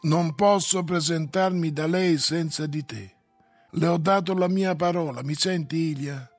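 A man voicing Stolz, an earnest man pleading insistently with his old friend, in a gravelly, husky voice. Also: a little high, a little slow, no room sound, soft background music. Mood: urging.

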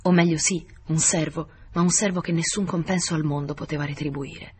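A man narrating a novel in a measured, literary reading. His voice sits a little high for a man. A faint hiss runs under the recording. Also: steady tone. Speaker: audiobook reader. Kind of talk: scripted narration.

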